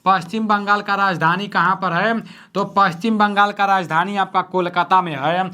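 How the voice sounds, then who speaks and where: Young man, high voice, soft-spoken exam tutor, repeats every question, quiet home at night. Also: steady tone, moderate pace. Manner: soft-spoken, repeats each question, frequent "theek hai na". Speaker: exam coaching teacher. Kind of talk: quiz-style exam lesson.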